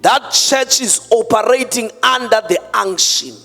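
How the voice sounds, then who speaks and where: High-voiced preacher at a pulpit microphone. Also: male voice, bright, forceful tone. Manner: emphatic, drawn-out preaching with mixed-in Xhosa words. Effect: speaking into a pulpit microphone. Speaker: pastor. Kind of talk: sermon. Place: church hall. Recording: long hall reverb, faint music behind.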